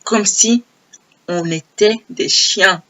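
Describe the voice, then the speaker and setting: A young woman with a hoarse, low voice telling a personal story in a casual, animated way, repeating phrases for emphasis. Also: slow pace. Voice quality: low broken voice. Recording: old homemade audio.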